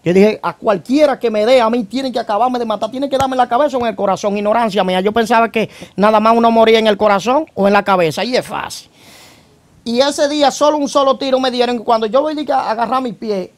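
A man's voice: very high voice, fast. A man gives his church testimony as a former gang member. He tells his story vividly, acts out each moment and keeps breaking in with short praise phrases.

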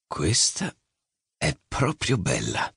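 Guy doing a mysterious old bird-like man in an audiobook, slow and riddling, deep husky voice. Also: wildly swooping pitch, a bit bright, dry recording, clean studio sound, full character voice. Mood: enigmatic. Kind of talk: audiobook character voice.

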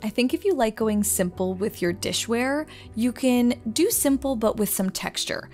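A woman's voice: a little high, expressive, normal speed, over music. A young adult woman and interior designer giving upbeat, enthusiastic voice-over about home decor finds. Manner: upbeat, enthusiastic product commentary. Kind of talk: voice-over shopping narration.

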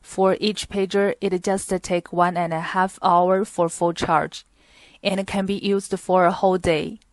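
A woman narrating a scripted product demonstration in a plain, steady reading voice with small grammar slips. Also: fairly low pitch, unhurried, dry recording. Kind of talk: scripted instructional voice-over.

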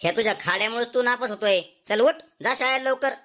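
A woman's voice: a little high, fast, a bit bright, natural voice. A woman playing a foul-mouthed scolding father. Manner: scolding, insulting, rustic slang. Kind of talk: comedy sketch acting.

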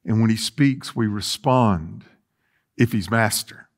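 A middle-aged pastor with a fairly low voice preaches slowly in a large indoor church sanctuary lined with rows of chairs. He paces and gestures as he speaks, restarting his sentences earnestly.

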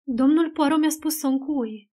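A woman's voice: high voice, mellow, close to an everyday voice. A woman reading as a frightened young woman. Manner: breathless and shaken.

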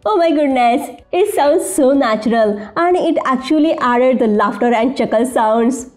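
A woman narrating a software tutorial, enthusiastic and easily amazed. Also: a little high. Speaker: tutorial host. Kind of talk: screen-recording tutorial narration.

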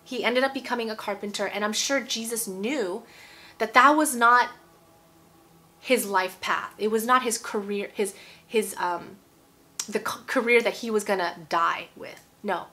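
Bright, emphatic woman in her forties preaching. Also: mid-range voice, measured pace. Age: 40s. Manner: emphatic, repeats phrases, asks "okay?". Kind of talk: casual video sermon. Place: indoor room at home.

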